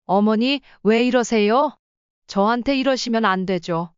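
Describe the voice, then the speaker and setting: A woman's voice: fairly high pitch, a little slow, clean tone, no room sound, natural voice. A woman voicing an exasperated adult daughter-in-law in a read-aloud story. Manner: sighing, exasperated. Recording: slightly dull lo-fi sound.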